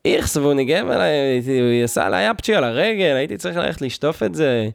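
A man on a podcast rants in a sarcastic, mock-outraged comic monologue, full of fillers and restarts. His voice sits a little high and swings widely in pitch. The sound is close and dry. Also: lively intonation, gravelly, no room sound. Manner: loose, talky, many fillers and restarts. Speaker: podcast host. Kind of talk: comedic rant monologue.

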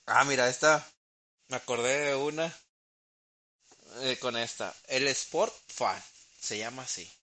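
Bright-voiced joking Mexican man. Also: medium pitch, unhurried, long pauses. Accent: Mexican Spanish. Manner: joking, laughs often, mimics people. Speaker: podcast co-host. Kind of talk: casual chat among friends. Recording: faint hiss.

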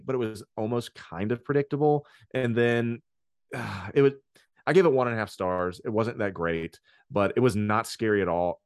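A man co-hosting a podcast, chatting in a relaxed, rambling way with plenty of fillers. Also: on the low side, no room sound, clean studio sound. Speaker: podcast co-host. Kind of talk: casual chat.

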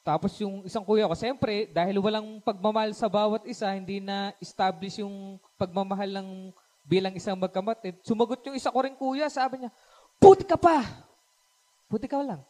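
A man preaching a Taglish sermon at a live-streamed church service, lively and acting out family quarrels while often asking the crowd for agreement. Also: high voice, moderate pace.

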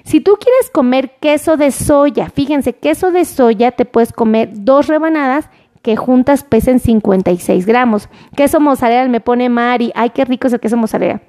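A woman talks to her viewers on a live stream, running down a list of portions and pausing to greet commenters by name. Her voice sits high, and she keeps coming back to ask people to share. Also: warm tone. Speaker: nutrition livestream host.

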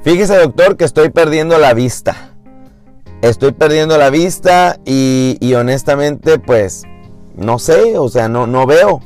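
A man's voice: measured pace, a little mellow, soft background music, close to an everyday voice. A man voicing a young, eager male doctor who keeps getting fooled, whiny and pleading. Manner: whiny, pleading, higher pitched.

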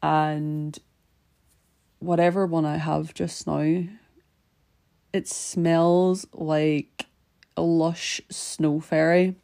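A woman's voice: low-pitched, little pitch movement, drawn-out words, gravelly, pauses often, mellow. A young woman with a Northern Irish accent touched by a slight Scottish twang, hosting a casual podcast in a chatty, rambling way. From Northern Ireland. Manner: chatty and rambling, with many fillers and laughs. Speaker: podcast host. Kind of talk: casual cleaning podcast chat.

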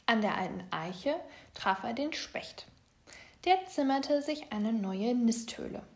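A woman reading a children's story aloud, in a gentle, even storybook manner. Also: a little high, takes it slowly.

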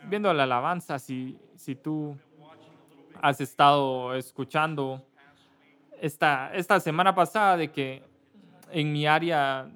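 A man from Kentucky, a pastor giving casual church announcements, halting and correcting himself often. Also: on the high side, a bit bright, clean tone. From Kentucky, USA. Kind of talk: church announcements before a service.

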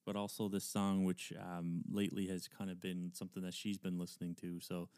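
A man with a fairly low, clean and smooth voice hosts a podcast conversationally. He is effusive and complimentary, and the sound is close and dry. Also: monotone, fairly quick, a little mellow, no room sound. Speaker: podcast host. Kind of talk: casual conversational podcast hosting.

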